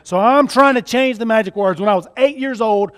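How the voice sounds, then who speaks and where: Southern guy doing a kids party magic show, kinda high voice, jokey showman talking a kid thru tricks. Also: a little fast. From Mississippi, United States. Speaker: stage magician performing with a child volunteer. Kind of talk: live kids' magic show patter.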